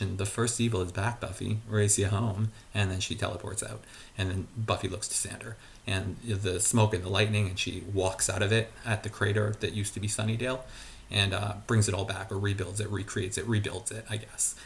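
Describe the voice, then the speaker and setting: Low gravelly man rambling in a garage. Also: flat delivery, normal speed, a little hiss or hum. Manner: hesitant, many fillers and restarts. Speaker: vlogger. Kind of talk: casual rambling monologue. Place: garage at home.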